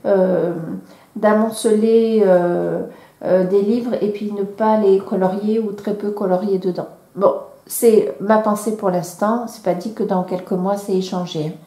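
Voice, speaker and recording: A woman vlogger with a cold chats casually in a medium-pitched, dark voice. She sounds hesitant, using lots of fillers and restarting sentences, and the room is echoey.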